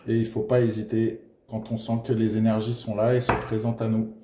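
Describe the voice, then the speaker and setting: A man giving a casual tarot reading to his viewers, gentle and encouraging, pausing often with filler sounds. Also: lowish voice, completely flat delivery, background noise. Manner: hesitant, full of filler pauses. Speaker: tarot card reader. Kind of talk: casual tarot guidance monologue. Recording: roomy echoey room.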